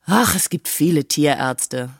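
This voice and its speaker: A woman doing a gentle, curious old doctor. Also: low voice, expressive, unhurried, creaky, dry recording, clean studio sound, heavily acted. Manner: mild, thoughtful, eager to learn. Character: gentle, curious, kindly male country doctor. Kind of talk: audiobook reading.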